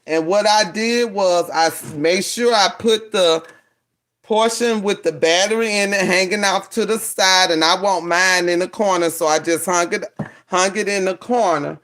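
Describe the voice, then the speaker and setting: Speaking at a normal speed, this man has a high-sitting, slightly bright voice. He runs a casual live craft tutorial with a rural drawl and Southern US country accent, hammering home key instructions by repeating them.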